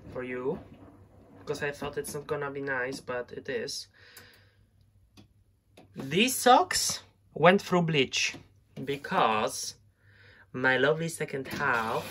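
A man narrates casually while doing laundry in his home laundry area, speaking slowly and hesitantly in a chatty, explanatory way. He's a laundry vlogger with a fairly high voice, and the recording carries a little hiss or hum.

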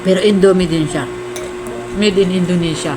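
A woman's voice: on the low side, steady tone, moderate pace. A Filipino woman hosting a casual food vlog, chatting as she eats and humming over bites. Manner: talks while eating, with savoring hums. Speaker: mukbang host. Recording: noisy room with clattering dishes.

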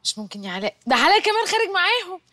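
A bossy, short-tempered Egyptian wife in a film comedy. Her voice is high and bright and swings widely in pitch, and her demands come out fast and sharp. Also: sing-song, no echo, full character voice. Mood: demanding. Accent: Egyptian Arabic. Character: bossy, irritable young working wife. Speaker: film actress. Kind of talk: comic film scene.

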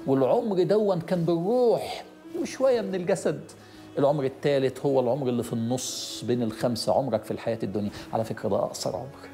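A man's voice: mid-range voice, warm tone. A middle-aged man with an Egyptian Arabic accent, preaching a sermon in an emphatic way, repeating key phrases and speaking straight to the listener.

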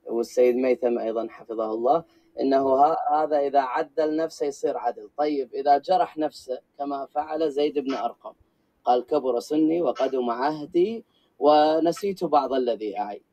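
A man making a formal religious argument on a debate panel, measured and scholarly. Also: mid-range voice, dark tone, rough recording.

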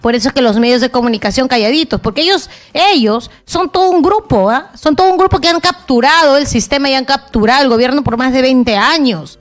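A woman's voice: high-pitched, a little fast, hardly any pauses, faint music behind. A middle-aged woman journalist giving impassioned political commentary, indignant and emphatic, talking straight to the listener.

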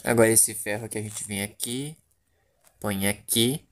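A man's voice: fairly low pitch, moderate pace. A man with a Rio Grande do Sul accent giving joking, crude, jittery Let's Play commentary from home. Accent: southern Brazilian, Rio Grande do Sul. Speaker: gaming YouTuber.

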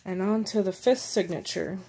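A woman walking through her handmade journal page by page in a casual show-and-tell, unhurried and pausing as she handles the pages. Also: medium pitch, gravelly, dark tone, slight background noise. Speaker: journal maker and shop seller.

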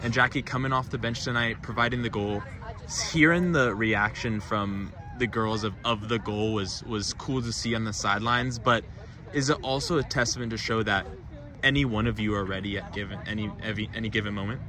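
A man's voice: fairly low pitch, steady tone, fairly quick, a crowd in the background. A man interviewing players after a game on an outdoor field at night, asking long, rambling questions with many restarts. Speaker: sideline interviewer.

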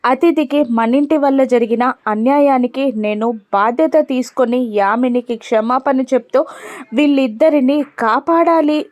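A woman's voice: high-pitched, darkish tone, natural voice. A woman reading the lines of an upset elderly father who scolds his son and insists on keeping his word.

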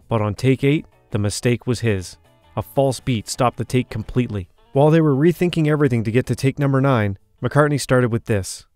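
A man's voice: mid-range voice, a little mellow, no echo. A man reading a scripted documentary narration, shifting his emphasis from phrase to phrase.

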